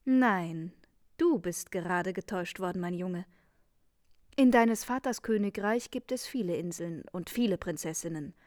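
A woman's voice: on the low side, a little slow, a little mellow, no echo, studio quality, close to an everyday voice. A woman voicing a sly, self-assured man in a tailcoat who is a magician, in a read-aloud fairy tale.

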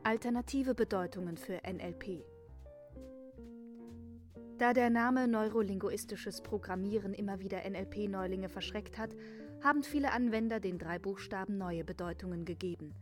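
Woman reading a measured narration. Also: mid-range voice, faint music behind. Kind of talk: scripted narration.

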